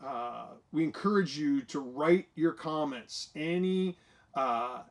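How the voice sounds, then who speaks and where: A man's voice: fairly high pitch, expressive, takes it slowly. A man co-hosting a church livestream, talking casually about faith and reading scripture, with many fillers and restarts. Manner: frequent fillers and restarts, folksy and earnest.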